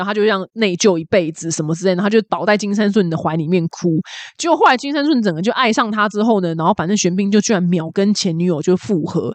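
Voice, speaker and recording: A woman's voice: medium pitch, dry recording. A young adult woman host, chatting casually with gossipy, emphatic asides.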